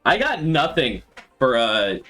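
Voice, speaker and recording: Chill guy streaming, talks slow, voice goes up and down a lot, laughs a bunch. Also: mid-range voice, big pitch swings, bright, forceful tone, soft background music. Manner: thinking aloud, frequent laughter. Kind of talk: casual livestream commentary.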